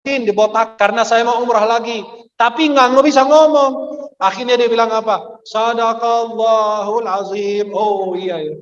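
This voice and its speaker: Guy preaching in a funny storytelling way, really high voice, dull lo-fi sound. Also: normal speed, roomy sound. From Egypt. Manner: lively storyteller who acts out the people in his stories. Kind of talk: humorous Ramadan sermon with anecdotes. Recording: dull lo-fi recording.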